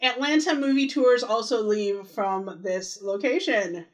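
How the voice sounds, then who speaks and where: A woman co-hosting a podcast chats casually through the details of a TV episode in a recap. Her voice is a little high and her pace a little slow.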